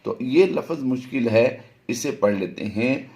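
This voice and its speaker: A man teaching tajweed, spelling out letters slowly and then chanting the words in a drawn-out recitation. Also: mid-range voice, animated, a little mellow. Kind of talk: tajweed lesson with recited examples.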